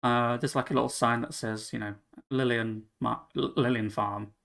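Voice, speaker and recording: A man narrating as game master of a tabletop game, halting with fillers and restarts. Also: medium pitch, fairly even intonation, creaky, fairly bright tone.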